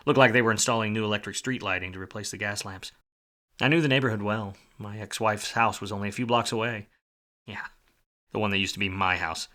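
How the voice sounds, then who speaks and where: A male actor with a lowish, pushed and bright voice plays a hard-drinking, wisecracking, jaded 1940s private eye in a film noir radio play. His delivery is sardonic and full of slang.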